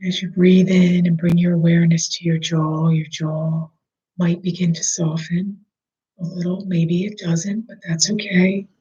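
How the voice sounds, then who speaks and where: A guide leads a slow breathing meditation in a soothing, level tone at medium pitch, speaking softly and at moments nearly whispering. The audio is lo-fi.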